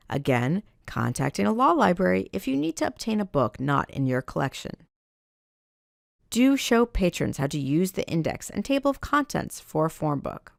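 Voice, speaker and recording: A low-voiced woman reads a librarian training script in a measured, instructional manner. Her voice has a gravelly edge and moves up and down a lot. The recording is dry and close, with no room sound. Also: no room sound.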